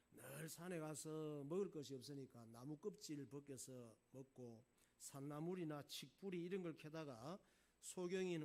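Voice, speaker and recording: A male pastor telling a folk tale in a casual, folksy sermon. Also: fairly high pitch. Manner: folksy, animated storyteller. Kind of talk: storytelling sermon.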